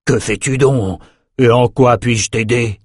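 A man's voice: mid-range voice, steady tone, slow pace, a little mellow, husky, dry recording, studio quality. A man reading an audiobook, voicing a proud, protective old male wizard with urgent, commanding outbursts. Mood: resigned. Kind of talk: audiobook character voice.

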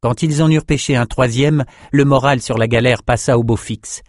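A man narrating an audiobook in a measured, steady reading style. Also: mid-range voice, dry recording, studio quality. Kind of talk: scripted narration.

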